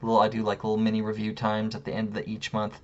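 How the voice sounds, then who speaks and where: A man's voice: lowish voice, completely flat delivery, fast, darkish tone. A man ranting casually to camera in a room at home, heated and rambling, swearing constantly. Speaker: vlogger. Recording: dull lo-fi sound.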